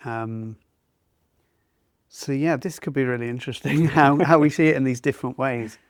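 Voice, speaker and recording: A man who teaches mindfulness, talking it through in a relaxed conversation and feeling his way toward each idea. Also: medium pitch, normal speed, no room sound, studio quality. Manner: thoughtful, searching for words. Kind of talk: conversational discussion.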